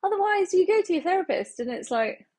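A woman's voice: very high voice, big pitch swings, fast, warm tone. A woman in her thirties, a healing practitioner, talking casually to camera from her living room, chatty and laughing often. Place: small home living room, indoors.

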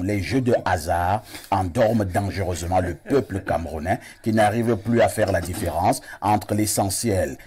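A man's voice: low-pitched, dark tone, slightly rough. A middle-aged man hosting a TV talk show in a studio, reading out viewer messages with frequent hesitations, on a lapel mic.

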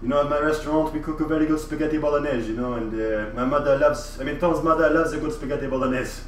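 A livestreamer chats casually from a kitchen in character as a vulgar, boastful French chef, using a put-on French accent, rambling cockily, and repeating "you know." His natural voice is fairly high and quick. The roomy, distant mic picks up faint ambience and a little hiss or hum.

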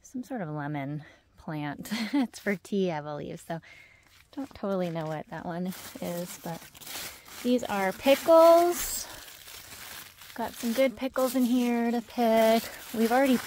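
A homesteader in her thirties from Idaho, USA, gives a casual walking tour of her fenced garden outdoors, talking into a handheld camera. She is relaxed and chatty, trailing off between points, her medium-pitched voice a little slow, with slight background noise.

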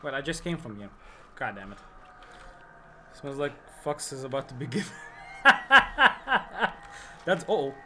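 A man streaming a video game with joking, excitable commentary. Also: medium pitch, brisk, long pauses, faint music behind. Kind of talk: gameplay commentary.

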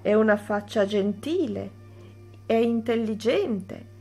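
A woman's voice: mid-range voice, lively intonation, takes it slowly, gravelly, darkish tone, soft background music, heavily acted. A woman voicing a sly outlaw who poses as a fortune-teller, coaxing and theatrical, in a children's story reading.

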